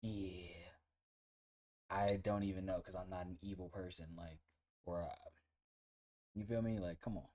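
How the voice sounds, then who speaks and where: Low-voiced male streamer, loud, profane and animated in his reactions. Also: normal speed, pauses often. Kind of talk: casual reaction commentary.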